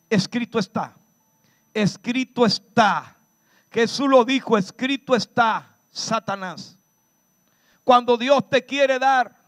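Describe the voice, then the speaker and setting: A man, a pastor, preaching a sermon with shouted peaks and dramatic slowdowns. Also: high voice, no room sound. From Dominican Republic.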